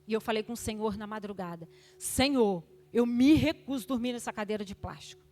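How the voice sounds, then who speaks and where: An older woman giving an emotional testimony at a church service, fervent, moving between loud exhortation and hushed tones. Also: on the high side, brisk.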